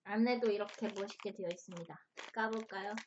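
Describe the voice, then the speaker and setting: A woman's voice: mid-range voice, steady tone, fairly quick, highs cut off, noisy background. A woman hosting a casual mukbang review, talking as she tastes crunchy chips and snacks. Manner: tasting and eating chips and snacks while talking.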